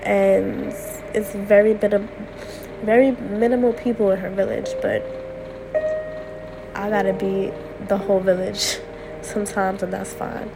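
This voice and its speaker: Still recovering from a cold, a young woman unloads candidly on her personal podcast late at night, circling back to things she's already said. Her medium-pitched voice is creaky and level, unhurried, with frequent pauses. There's noise in the background.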